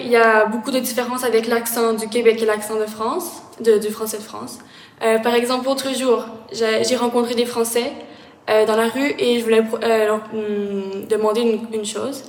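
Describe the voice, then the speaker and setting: A woman with a Québécois accent explains things to learners in an unscripted lesson, stopping often and repeating words as she goes. Her voice sits fairly high. It was recorded in a roomy space whose reverb trails on after each phrase. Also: flat delivery. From Quebec, Canada. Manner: halting, with frequent pauses and repeated words. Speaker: language teacher.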